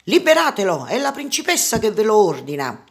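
A woman voicing a young, gentle but spirited princess in a storybook reading, sweet and earnest. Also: medium pitch, expressive, moderate pace, voice pushed up, natural voice. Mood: commanding.

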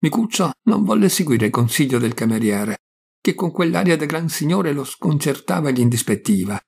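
Gravelly-voiced Italian man narrating a story. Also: on the high side, sing-song, a little fast, a little mellow. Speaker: audiobook reader. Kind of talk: literary narration of a short story.

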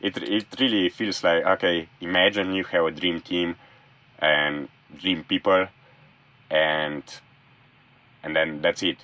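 Deep-voiced young Slovenian man. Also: fairly even intonation, takes it slowly, pushed and bright. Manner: enthusiastic, restarts sentences often. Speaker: guest, former college thrower. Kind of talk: casual interview chat. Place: small room in a camper van.

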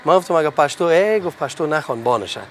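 A man's voice: fairly high pitch, animated, soft background music. A man hosting a hidden-camera prank, talking in a pushy, menacing way on a city street. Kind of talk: prank confrontation in casual street talk.

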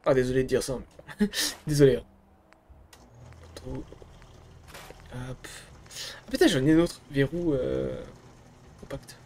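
A man giving casual let's-play commentary, excitable, swearing, and muttering to himself between outbursts. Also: mid-range voice, slow pace, long pauses, a little hiss or hum. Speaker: gamer streamer.

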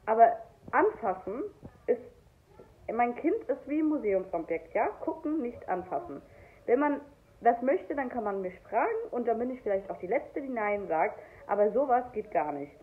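A woman's voice: fairly high pitch, sing-song, moderate pace. Indignant young woman, tinny sound. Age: 20s. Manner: heated, indignant retelling. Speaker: young mother telling a story. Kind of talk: storytime vlog. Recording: tinny phone-like sound, faint noise.

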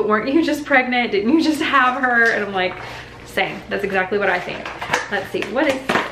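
A young woman vlogging as a mom, chatting enthusiastically about her haul, full of "like" and excitement. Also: medium pitch. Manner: bubbly, enthusiastic, chatty with many likes. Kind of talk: casual haul chat to camera. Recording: echoey room with faint background hum.

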